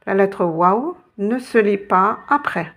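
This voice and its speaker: A woman's voice: mid-range voice, lively intonation, slow pace, fairly bright tone. A woman teaching a lesson, patiently guiding learners step by step and spelling out letters. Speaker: Arabic teacher.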